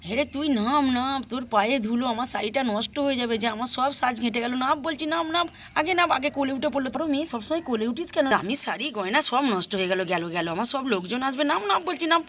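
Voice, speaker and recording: Woman as irritable bride, scolding, snappish, high, faint noise. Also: quick pace, few pauses, a bit bright. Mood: irritated. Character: vain, irritable young bride.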